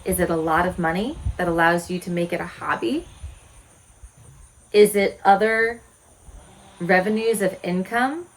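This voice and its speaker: With poor audio, a fairly low-pitched woman of about forty talks at a measured pace, leaving long pauses. The homesteading vlogger reflects directly to camera, earnest and candid, posing plenty of rhetorical questions about how she lives.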